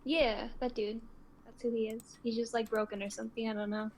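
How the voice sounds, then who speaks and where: A woman's voice: fairly high pitch, level tone, a little fast, darkish tone, a little hiss or hum, poor audio. A woman on a casual podcast, animatedly joking and speculating about game characters. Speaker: podcast co-host. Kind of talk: casual chat.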